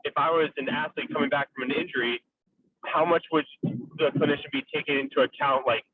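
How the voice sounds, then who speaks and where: A man's voice: fairly high pitch, steady tone, a little fast, distant mic. A young man calls in from a car speakerphone, his voice tinny and narrow like a phone line. He sounds set back from the mic, with a faint hiss underneath. He rambles through his question, dropping in filler words as he goes. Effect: car speakerphone call. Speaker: caller. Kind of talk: casual question to the guests. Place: in a moving car.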